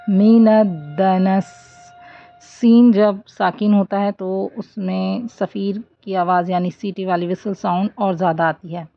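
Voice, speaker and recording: A woman teaching prayer recitation online, who explains pronunciation and then recites the lines slowly and drawn out. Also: mid-range voice, creaky, dry recording, muffled recording. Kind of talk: online tajweed lesson.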